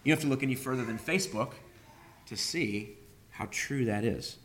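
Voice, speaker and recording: A man's voice: medium pitch, moderate pace, a bit bright, a little hiss or hum. A man preaching a sermon, speaking with frequent hesitations and fillers. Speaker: pastor.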